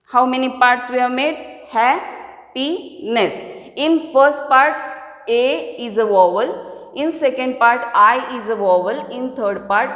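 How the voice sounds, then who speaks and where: A woman teaching a grammar lesson, explaining slowly and step by step and repeating herself. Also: sits high, a bit bright. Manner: slow, repetitive, explaining step by step. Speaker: English teacher. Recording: echoey room with long reverb.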